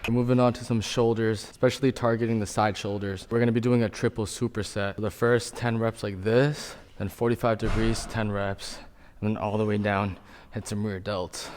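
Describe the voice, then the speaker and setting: A man's voice: lowish voice, flat delivery, moderate pace, darkish tone, a little hiss or hum. A young man talking casually in an informal, slangy way, vlogging his workout in a gym. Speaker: fitness vlogger. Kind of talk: casual workout vlog talk.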